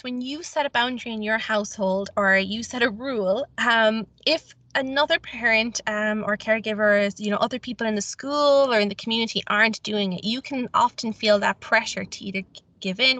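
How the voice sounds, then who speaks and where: A woman's voice: fairly high pitch, sharp tone, dry recording. A woman from Ireland, giving an earnest webinar talk over a video call, with many fillers and restarts. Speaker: webinar presenter on online safety.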